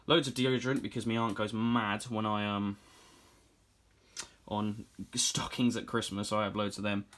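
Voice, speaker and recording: A man's voice: on the low side, level tone, moderate pace, fairly bright tone. A British man in his twenties giving an off-the-cuff room tour in casual, enthusiastic, informal vlog chat. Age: 20s. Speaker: collector hosting a room tour.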